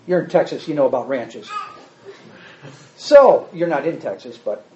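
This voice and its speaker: A man's voice: mid-range voice, moderate pace. A man teaching a Bible class in conversational style, acting out quotes and asking the room questions. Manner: animated, acts out quotes, asks the room questions. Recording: roomy, dull lo-fi room recording.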